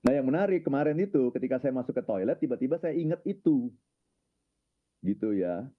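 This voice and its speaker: Man, mid pitch, reflective storyteller with a habit of tagging every phrase, phone-line sound. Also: animated. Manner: unhurried, leans on filler tags at phrase ends. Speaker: guest speaker on his own channel.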